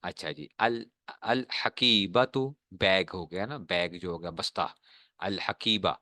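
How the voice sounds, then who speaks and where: A male teacher giving a classroom lesson, often checking whether students have understood and drawing out example words slowly. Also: low voice, pushed and bright, no room sound.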